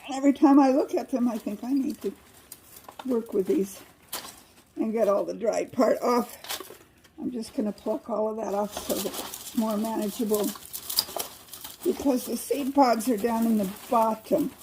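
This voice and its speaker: A woman talks through her chores in a loose, rambling way, often stopping to correct herself. Her voice sits a bit high but sounds mellow and gravelly. A faint hiss runs under the indoor camera recording. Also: normal speed, pauses often, rough recording. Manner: rambling, homey, self-correcting. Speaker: home gardening vlogger. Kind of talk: casual chatty vlog. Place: indoor plant room with newspaper on carpet. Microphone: camera mic set up nearby.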